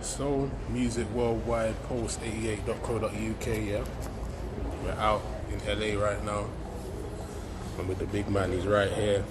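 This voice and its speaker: A man's voice: lowish voice, little pitch movement, measured pace, heavy background noise. A man hosting a show, interviewing a guest outdoors on a city street, enthusiastic and full of affirming fillers. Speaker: show host.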